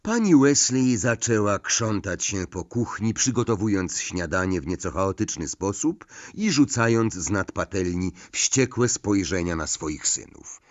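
Male audiobook narrator, low voice, expressive, dry close sound. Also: measured pace, few pauses, no echo, lo-fi sound. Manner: expressive, animated. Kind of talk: storybook reading.

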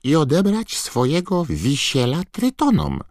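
A man voicing an excitable male house-elf servant who squeaks and screeches and talks about himself in the third person. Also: a little slow, dry recording, clean studio sound. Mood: eager, urgent.

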